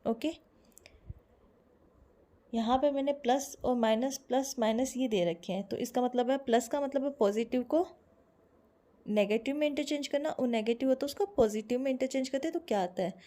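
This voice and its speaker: A young woman with an Indian accent teaching English grammar online, explaining slowly and repeating each example sentence. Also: a little high, dark tone.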